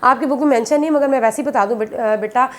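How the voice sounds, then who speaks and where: High-voiced woman teaching biology. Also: fast talker. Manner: repetitive, explanatory, calls students "beta". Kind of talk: classroom lecture.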